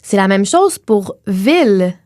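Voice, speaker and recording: Lively Québécois woman explaining phonetics. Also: mid-range voice, no echo, clean studio sound. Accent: Québécois French. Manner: clear teacherly delivery, slows to model sounds. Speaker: podcast co-host explaining phonetics. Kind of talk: explanatory podcast chat.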